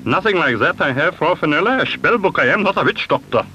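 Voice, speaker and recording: A man voicing a talking spell book that speaks slowly with backwards word order. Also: a little high, expressive, pushed and bright, a little hiss or hum, pitched above the performer's own voice. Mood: solemn. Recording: dull lo-fi recording with music.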